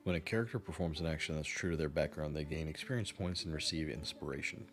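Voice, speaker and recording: A man with an extremely low voice gives casual video game commentary and reads options aloud. Soft music plays behind him. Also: fast talker. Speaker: gamer, channel host.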